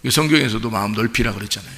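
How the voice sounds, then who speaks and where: A man's voice: lowish voice, racing, pushed and bright. A male pastor preaching a sermon in a conversational way, often putting rhetorical questions to his congregation. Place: church sanctuary during Sunday service. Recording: long church reverb.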